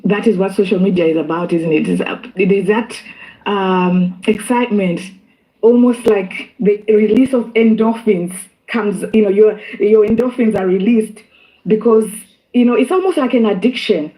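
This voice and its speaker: A woman's voice: medium pitch, measured pace, mellow, rough recording. A woman from Zimbabwe speaking as a guest in a discussion, thoughtful and hesitant, with many fillers and restarts. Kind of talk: casual discussion.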